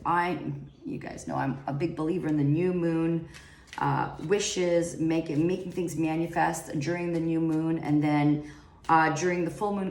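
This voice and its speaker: Low-voiced woman doing a rambling tarot reading. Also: reverberant. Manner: rambling, filler-heavy, talks straight to viewers. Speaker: tarot reader. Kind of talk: casual spoken tarot reading to viewers.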